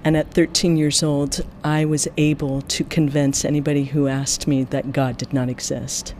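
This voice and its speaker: An interpreter giving a translation voice-over in the first person, in a measured, steady way that often drops quieter. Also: medium pitch, slight background noise.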